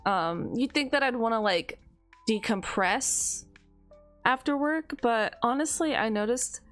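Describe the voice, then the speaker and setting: A woman's voice: fairly high pitch, unhurried, fairly bright tone, faint music behind. A woman streamer chatting casually to her viewers, rambling with frequent laughs and a tired edge.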